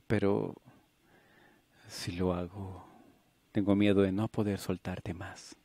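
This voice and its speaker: A man's voice: low-pitched, level tone, slow, dark tone, heavily acted. A man voicing a bubbly, impulsive young woman nurse in an audiobook, alternating teasing and wistful tones. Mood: tender.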